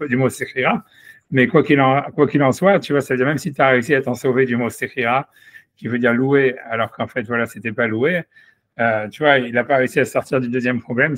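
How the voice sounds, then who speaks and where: A man leads an informal Talmud study session. He reasons aloud, restarting his sentences and adding quick asides. His voice sits at an ordinary middle pitch. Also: a bit bright. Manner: hesitant, thinking aloud, many restarts. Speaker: rabbi teaching Talmud. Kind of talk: informal study-class explanation.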